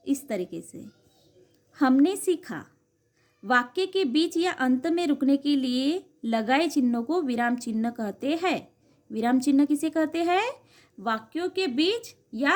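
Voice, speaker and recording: A woman with an Indian accent teaching young children an online class, slowly repeating each point as a question and answer. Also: high voice.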